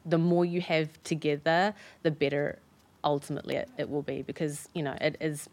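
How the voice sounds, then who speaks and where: This is a woman with a somewhat low voice, taking part in a relaxed panel discussion. She is an executive and speaks in a reflective way, working her thoughts out aloud. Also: normal speed. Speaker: company executive.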